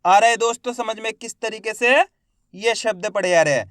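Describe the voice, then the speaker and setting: A man teaching Hindi reading, sounding out each syllable loudly and then blending it into the word, encouraging his viewers as friends. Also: sits high, fairly quick, dry recording, clean studio sound. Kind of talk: slow syllable-by-syllable reading lesson.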